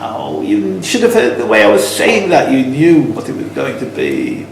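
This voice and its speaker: Delivering quiz questions with informal, blunt teasing, a man speaks at a moderate pace in a slightly high voice that swoops wildly in pitch and carries vocal fry. Faint background noise and strong echo come from the indoor club room.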